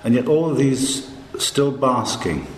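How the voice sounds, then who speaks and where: A man narrating a guided meditation in a calm, hushed, soothing manner, with long pauses between short phrases. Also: medium pitch, roomy sound, slight background noise.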